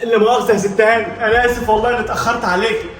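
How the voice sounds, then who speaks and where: A young man with an Egyptian accent playing a gentle, worried father in a family skit, talking softly and apologetically. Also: high-pitched, fairly even intonation, very fast, close to an everyday voice. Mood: calm. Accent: Egyptian Arabic. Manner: soft, apologetic and reassuring. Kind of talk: amateur family skit acting. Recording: music playing behind.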